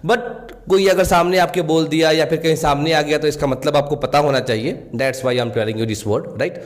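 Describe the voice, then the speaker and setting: A man's voice: fairly high pitch, steady tone. Man teaching in a reverberant room. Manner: explains in Hindi, reads English examples slowly. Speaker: English teacher. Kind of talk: spoken English lesson.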